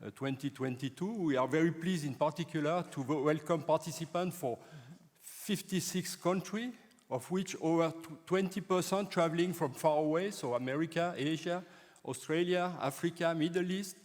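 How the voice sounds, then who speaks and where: Man, halting welcome. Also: a little high, a little mellow. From France. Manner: halting, with repeated words. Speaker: conference co-chair, professor. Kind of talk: formal welcome speech. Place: large conference hall. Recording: reverberant conference hall.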